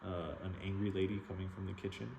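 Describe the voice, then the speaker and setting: A man's voice: sits low, little pitch movement, fast. A man hosting a paranormal vlog, talking casually as he shows the place around. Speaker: vlog host. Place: inside an old hotel. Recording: noisy on-location camera audio. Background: clear room noise and ambience.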